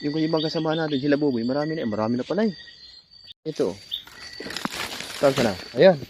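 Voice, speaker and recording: Excited man calling out finds outdoors at night. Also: on the high side, quick pace, background noise. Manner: excited, calls out finds and directs a companion. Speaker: vlogger hunting at night. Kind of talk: casual outdoor vlog narration. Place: outdoors at night among trees.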